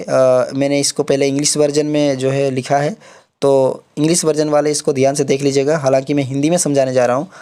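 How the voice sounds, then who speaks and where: A young man runs through an exam syllabus in a relaxed tutoring tone. His voice sits a little high, and he keeps checking in with his listeners as he explains each point, sliding English terms into his sentences. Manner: repeats "theek hai" often, mixes English terms into Hindi. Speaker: online exam-prep tutor. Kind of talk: casual explanatory lecture.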